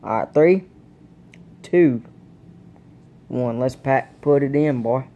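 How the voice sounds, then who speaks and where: Hiccuping as he goes, a young man reviews dip tobacco in a casual home vlog, speaking slowly in a medium-pitched voice. The recording is muffled with slight background noise. He's indoors with his camera propped on a blanket, rambling easily to his audience.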